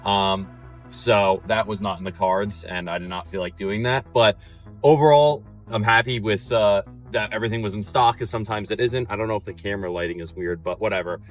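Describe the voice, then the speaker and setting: Young man, very deep voice, laid-back rambling fitness vlog chat, faint music under it. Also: fairly even intonation, a little fast. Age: young adult. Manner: laid-back, rambling with many ums and likes. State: slightly out of breath on a treadmill. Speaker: fitness vlogger.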